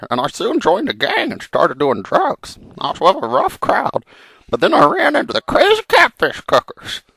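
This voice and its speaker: Man doing a creaky, wildly swooping frog hero. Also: high-pitched, pushed and bright, no echo, exaggerated voice, rough recording. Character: melodramatic, vengeful male frog hero telling his journey. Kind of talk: amateur comic storytelling, theatrical.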